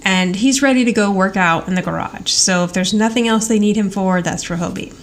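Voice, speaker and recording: A woman recaps a TV rewatch on the podcast she co-hosts, talking fairly quickly in a mid-range voice. She keeps it casual and chatty, acting out lines of dialogue, with a clear, noise-free background.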